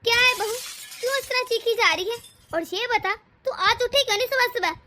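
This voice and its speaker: A woman's voice: extremely high pitch, brisk, bright, forceful tone, slight background noise. A woman voicing a harsh, sarcastic older mother-in-law in a cartoon story. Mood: scolding. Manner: taunting, sarcastic. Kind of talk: cartoon voice acting.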